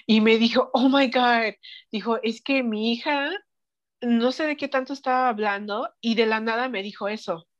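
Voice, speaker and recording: A woman's voice: fairly high pitch, normal speed, highs cut off. A woman with a Mexican Spanish accent, a psychic guest telling anecdotes in casual chat, often slipping English phrases into her Spanish and acting out quotes. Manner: mixes English phrases into Spanish, animated quoting.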